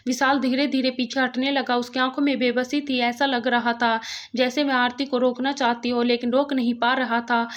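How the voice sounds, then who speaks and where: A woman's voice: a little high, flat delivery, normal speed. Woman narrating an emotional ghost story.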